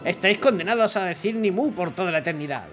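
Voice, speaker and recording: A man voicing a smug, scheming archmage villain in a video game, with slow, mock-menacing delivery. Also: high-pitched, animated, soft background music. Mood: gloating.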